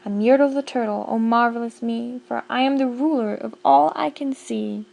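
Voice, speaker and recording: A blustering male turtle king from a storybook, bellowing commands and bragging about his throne. A woman acts him out with a slightly gravelly edge. He is bossy, loud and full of himself. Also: a little high, moderate pace. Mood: boastful.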